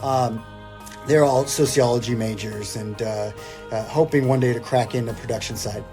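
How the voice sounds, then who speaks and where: A man with a mellow, medium-pitched voice and fairly even intonation recites a poem theatrically at a moderate pace, breaking off into wry, irreverent joking asides. He's a guest reader performing a comedic poem over instrumental Christmas music.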